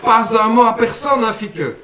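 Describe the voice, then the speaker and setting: A man's voice: very high voice, lively intonation, normal speed, fairly bright tone, pitched above the performer's own voice. A man voicing a friendly male guardian angel with a Brussels accent, homely and fond of saying "une fois" and "hein". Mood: kindly. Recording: roomy sound, mic at a distance.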